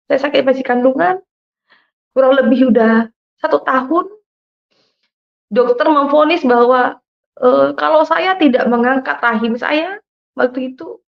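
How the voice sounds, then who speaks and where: A woman's voice: sits high, creaky. A woman giving an emotional church testimony to a congregation, acting out quoted dialogue with frequent hesitations. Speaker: speaker giving a conversion testimony. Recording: dull lo-fi recording.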